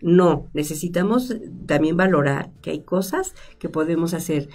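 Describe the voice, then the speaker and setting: A middle-aged woman, a psychologist guest, explaining calmly in a studio conversation and asking herself rhetorical questions. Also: sits low, normal speed. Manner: reflective, lists rhetorical questions. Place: studio with stone wall, seated at table. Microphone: desk microphone.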